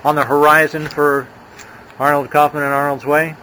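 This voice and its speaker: A man's voice: a little high, level tone, moderate pace, bright, forceful tone, slight background noise. Easygoing male podcast host. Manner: easygoing, laughs often. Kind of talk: casual interview.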